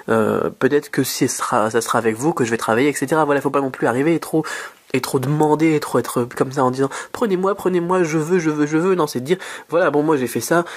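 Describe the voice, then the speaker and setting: Husky-voiced man from France, talkative advice host, lots of fillers. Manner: chatty, many fillers and restarts, lively pitch jumps. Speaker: YouTube host. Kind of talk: casual advice monologue.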